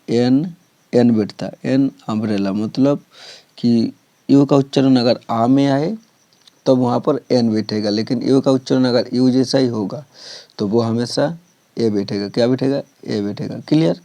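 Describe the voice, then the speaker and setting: A man's voice: mid-range voice, mellow, no room sound. A man teaching English grammar, explaining step by step, repeating points and often checking whether students have understood. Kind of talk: classroom explanation.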